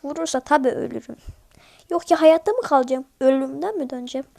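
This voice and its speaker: A woman with a notably high voice calls out a mobile game as she plays it. Her commentary is excitable and jumpy. She yelps strings of repeated words at the screen, then drops into chatty asides to her viewers. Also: fast talker, gravelly. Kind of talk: live gameplay commentary.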